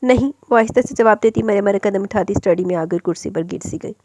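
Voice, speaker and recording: A woman's voice: medium pitch, fast talker, a little mellow, slight background noise. A woman narrating a romance novel as a storyteller, reading dramatically and breaking off into chatty asides.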